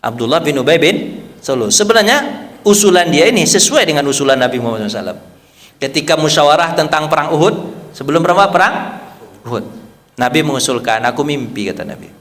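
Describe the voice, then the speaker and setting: A man's voice: on the high side, big pitch swings, quick pace, a bit bright. A man preaching to a mosque study circle, telling stories and quizzing his listeners with questions in a manner. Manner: storytelling, quizzing the audience with questions. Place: mosque hall. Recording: long hall reverb.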